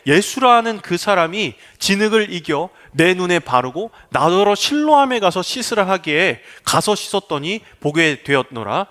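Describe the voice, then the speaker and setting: A man preaching a sermon as pastor, acting out townspeople in quick dialogue. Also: fairly high pitch. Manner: acts out crowd voices in lively dialogue.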